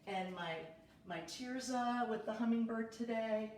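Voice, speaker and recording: A woman's voice: fairly high pitch, unhurried, a little mellow, recorded from a distance. Chatty realtor lady in her 30s on a home livestream, roomy echo, faint hum behind. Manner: chatty, bubbly, greets viewers by name. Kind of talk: casual livestream chat. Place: home kitchen. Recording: echoey room, from off-mic.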